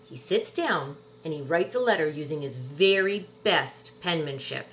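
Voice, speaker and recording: Reading a children's picture book aloud, a low-pitched woman is animated and expressive, elongating words for emphasis. The recording has a little hiss or hum.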